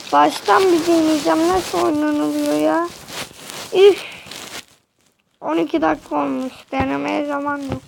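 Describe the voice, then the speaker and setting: A woman giving casual gameplay commentary on a tablet, excitable and quick to get frustrated, swearing casually as she plays. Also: high voice, creaky, noisy background. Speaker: gaming channel host. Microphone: tablet screen recording. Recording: game music loud behind voice.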